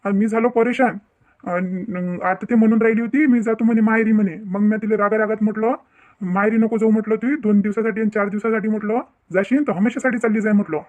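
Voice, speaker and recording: Man voicing stressed young husband, cartoon drama, stammering, complaining, high voice. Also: steady tone, quick pace, a little mellow, dull audio, lightly acted. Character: young married man, stressed son-in-law.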